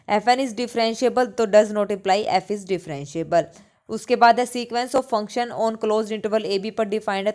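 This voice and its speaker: A woman's voice: medium pitch, a little mellow. Woman teaching math, quizzing herself. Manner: asks rhetorical questions and answers them herself; mixes English math terms into Hindi speech. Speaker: mathematics teacher. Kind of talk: exam-prep lecture.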